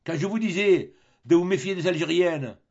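A man voicing a jovial, mocking male sea captain who talks in a loud, teasing, worldly way. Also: high-pitched, moderate pace, dull audio, voice pushed up.

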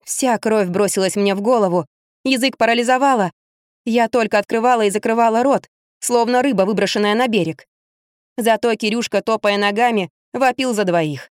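A woman narrating a story in the first person as an audiobook, with a wry, lively storytelling manner. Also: fairly high pitch, moderate pace, clear, resonant tone, no echo, clean studio sound.

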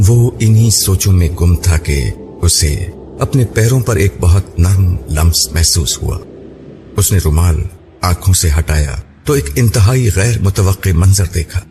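A man narrating an audiobook novel in a measured, literary way. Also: deep voice. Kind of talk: scripted narration. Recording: noisy background hiss.

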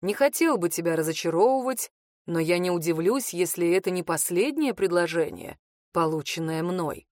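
A woman voicing a smug, teasing male lover in an audiobook, speaking low and slow. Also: animated, a little mellow, no echo, clean studio sound, close to an everyday voice. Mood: stern.

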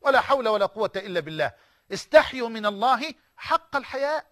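Fervent high-pitched Egyptian preacher. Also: male voice, big pitch swings, fast talker, fairly bright tone. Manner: fervent, repeats phrases for emphasis, shifts into colloquial asides. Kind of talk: sermon.

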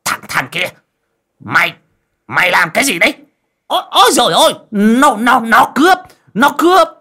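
A man's voice: wildly swooping pitch, normal speed, a bit bright, slightly rough, full character voice. A man voicing a jittery, cowardly old coffin maker who stammers and whines. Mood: panicked shrieking. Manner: stammering, shrill when panicked.

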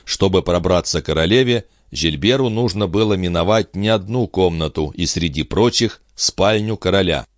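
A man narrating an audiobook in an expressive, steady storytelling manner. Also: sits low, normal speed, hardly any pauses, dry recording, clean studio sound. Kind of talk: scripted narration.

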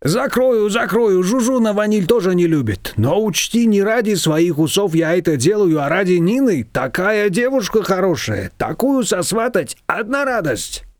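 A man's voice: high-pitched, sing-song, no room sound, studio quality, voice pushed up. A man reading an audiobook voicing a gossipy, bargaining female confectioner. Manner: bargaining, chatty, drawn-out. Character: haggling middle-aged female confectioner, gossipy and sly.

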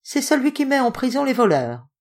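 A woman's voice: high voice, sing-song, a little fast, a little mellow, pitched above the performer's own voice, heavily acted. Balaoo, a woman voicing a sullen male ape-man. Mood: solemn.

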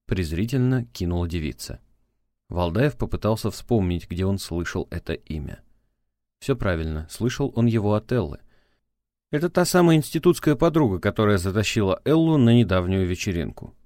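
A man narrating an audiobook in a steady, measured storytelling manner. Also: lowish voice, no echo, studio quality.

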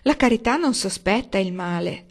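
A woman reading aloud, voicing a pious female cousin who speaks in a slow, coaxing, sugary way. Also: mid-range voice, animated.

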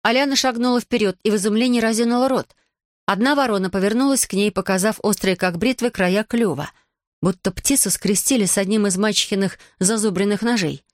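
A woman's voice: medium pitch, fairly quick, no room sound, studio quality. Woman narrating a fantasy audiobook.

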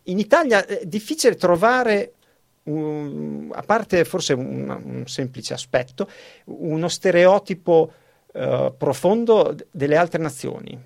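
A man's voice: on the high side, measured pace, vocal fry. A man hosting a radio talk show in a studio, chatting animatedly and laughing often, with frequent restarts. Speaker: radio host. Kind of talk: casual studio chat.

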